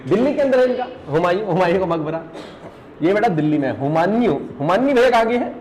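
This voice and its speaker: Quick and expressive, this man's high, darkish voice carries a Pahari-accented Hindi from Uttarakhand's hills over poor audio. During a live revision class before exams, he goes over points again, fires questions at students, addresses them as "beta," and laughs and jokes along the way.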